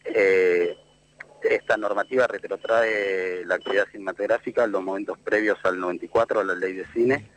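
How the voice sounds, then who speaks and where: Un hombre con acento argentino habla desde el teléfono en un tren, con la señal que se corta a ratos, explicando con seriedad y muchas pausas con "eh". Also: male voice, deep voice, steady tone, a little hiss or hum. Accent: Argentine Spanish. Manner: earnest, measured, many "eh" fillers. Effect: phone call from a moving train, signal cutting out. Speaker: guest caller. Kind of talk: phone interview commentary. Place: on a train. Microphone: phone.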